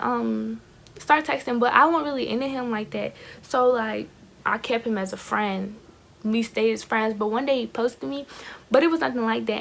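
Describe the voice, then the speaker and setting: A woman's voice: fairly high pitch, creaky, fairly bright tone, a little hiss or hum. A fifteen-year-old young woman telling a casual, gossipy storytime to her viewers in slangy talk with frequent asides. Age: teenager, fifteen. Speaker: YouTube storytime vlogger.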